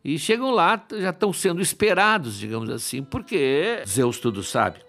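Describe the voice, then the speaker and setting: A male storyteller retelling an old myth in a chatty, playful way, tossing in asides and jokes. His voice is gravelly and somewhat high for a man, and it swings up and down with animated expression. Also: moderate pace, soft background music.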